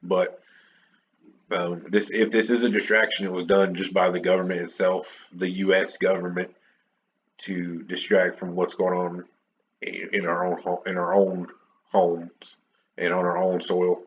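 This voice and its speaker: A solo podcast host rambles through an unscripted, opinionated chat, restarting often and using many fillers. His voice sits low with a flat, measured delivery, and the audio is dull with slight hiss or hum.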